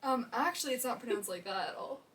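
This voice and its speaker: Bright, insistent young woman debating. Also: fairly high pitch, lively intonation, fast, a little hiss or hum. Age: young adult. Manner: insistent, argues loudly with emphasis. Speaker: co-host. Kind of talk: casual debate chat. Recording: voice a bit far from the mic.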